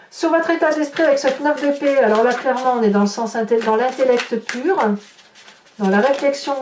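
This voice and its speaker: In an echoey room, recorded on a distant mic with faint noise, a woman who reads tarot and hosts horoscopes talks viewers through an improvised reading. Her voice is a little high and darkish, and she comments on cards as she turns them, tagging phrases with little interjections.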